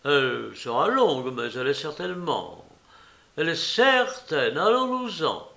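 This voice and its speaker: A man reading aloud and voicing a calm doctor reassuring a worried young woman. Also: fairly high pitch, gravelly, heavily acted. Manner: measured, reassuring. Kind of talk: audiobook character voice.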